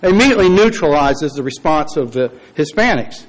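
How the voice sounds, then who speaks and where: High-voiced man preaching a story sermon. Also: expressive, rough recording. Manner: storytelling with dramatic pauses and acted quotes; wry, folksy asides.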